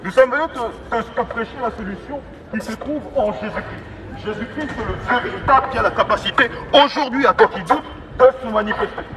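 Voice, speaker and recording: Outdoors in a busy urban area, a street evangelist with an extremely high-pitched voice preaches over a megaphone, repetitive and declamatory with halting restarts. The amplified sound comes across distant and echoing, surrounded by street bustle, crowds and passing vehicles.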